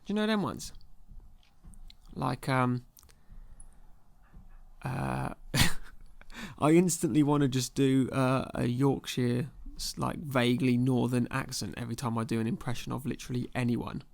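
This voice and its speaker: Gravelly man on a rant. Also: medium pitch, steady tone, unhurried, pauses often. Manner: exasperated, sarcastic ranting with slang. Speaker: podcast host. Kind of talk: casual comedic rant.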